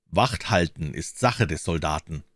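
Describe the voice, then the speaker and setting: A man voicing a cheeky, fearless discharged soldier in a spoken fairy tale, brash and mocking, his voice lifted above his own deep tone. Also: animated, measured pace, a bit bright, no echo, exaggerated voice. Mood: plain. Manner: brash, mocking, self-assured.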